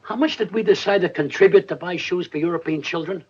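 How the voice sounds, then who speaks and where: A kind old dad in an old movie, husky, a bit high, muffled old soundtrack. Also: male voice, fast talker, darkish tone. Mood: fond. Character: kindly older immigrant father, generous. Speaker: father in a film drama. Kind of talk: 1950s film acting. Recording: dull old film soundtrack.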